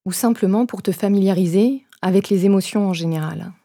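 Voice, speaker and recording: A woman leading a guided meditation, giving gentle, unhurried instructions in a soft voice with pauses between phrases. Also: mid-range voice.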